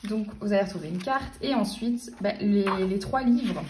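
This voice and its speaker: This woman, a book vlogger in her late twenties, describes her collection in a relaxed but halting way, full of fillers and restarts. Her mid-range voice comes at a moderate pace from a distant, slightly off-mic position, with room echo and background noise.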